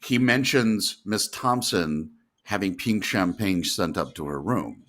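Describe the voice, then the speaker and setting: A man's voice: low-pitched, expressive, slow, a bit bright. A man giving casual movie commentary, sharing detailed film trivia with friends.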